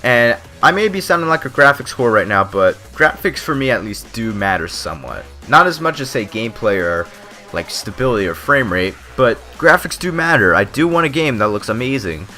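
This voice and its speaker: A man's voice: mid-range voice, sing-song, brisk, pushed and bright, soft background music. A man giving casual, rambling, unscripted gaming commentary, stumbling over words a little, his lip still numb from dental Novocaine. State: lip numb from dentist's Novocaine, speech slightly off. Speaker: gaming video creator giving opinions.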